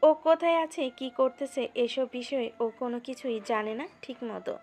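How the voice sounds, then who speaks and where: Female narrator, scripted romantic storytelling, fairly high pitch. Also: normal speed, darkish tone, slight background noise.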